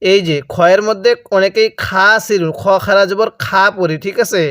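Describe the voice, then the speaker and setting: A Quran recitation teacher, a man with a Bangladeshi Bengali accent, leads a slow, syllable-by-syllable lesson. His voice sits fairly high and sounds smooth and clear. The recording is close and dry, with no room sound. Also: steady tone, a bit bright, no room sound. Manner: patient, breaks words into syllables and has listeners repeat.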